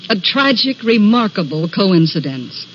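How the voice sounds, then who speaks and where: A skeptical, frightened traveler. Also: female voice, mid-range voice, very animated, measured pace, fairly bright tone, slight background noise. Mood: tense. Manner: clipped, questioning, narrating in first person. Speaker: visitor to the signal shack. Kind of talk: 1940s radio acting. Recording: dull old radio recording.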